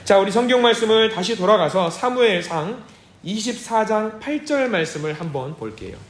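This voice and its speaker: A man preaching a sermon as pastor, lively and theatrical, acting out the Bible figures with shouts and hushed asides. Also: high-pitched, normal speed. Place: church sanctuary. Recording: echoey church sound.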